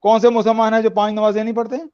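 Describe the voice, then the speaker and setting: A man's voice: sits high, little pitch movement, rapid-fire, lo-fi sound, a crowd in the background. A man defending his side in a heated online debate, hesitant, with stumbling restarts and repeated denials.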